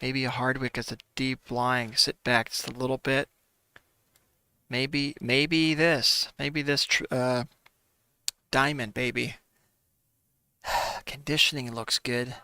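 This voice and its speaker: A man's voice: mid-range voice, steady tone, takes it slowly, long pauses, pushed and bright, smooth, no room sound. A man commenting casually on a football management game, chatting to viewers as "folks" and sighing and laughing through his frustration. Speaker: gaming commentator.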